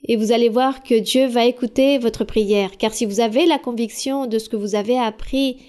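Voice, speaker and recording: A woman church leader answering questions at a Bible study, calm, direct and instructive. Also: a little high.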